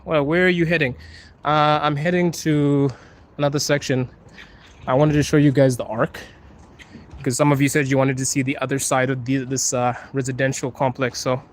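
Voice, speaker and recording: With a mid-range voice, a young Zimbabwean livestream host walks a wet street at night holding his phone. He chats casually and reads comments, relaxed, quick to laugh, and fond of teasing his viewers.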